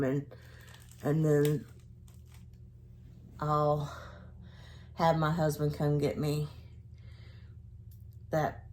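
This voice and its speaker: A woman's voice: sits low, slight background noise. A woman chatting casually to camera as a vlogger, in a hesitant, rambling way that trails off.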